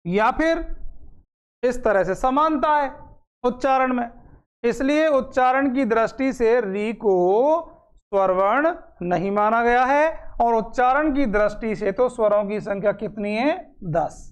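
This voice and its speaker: A man teaching a grammar lesson, dictating slowly, repeating phrases and asking questions he then answers himself. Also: very high voice, clean tone. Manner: slow, repeats phrases for note-taking, asks and answers own questions.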